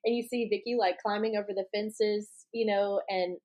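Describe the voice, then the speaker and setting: A woman co-hosting a podcast, chatty and quick to laugh. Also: mid-range voice, steady tone, dark tone. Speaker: podcast co-host. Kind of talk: casual chat.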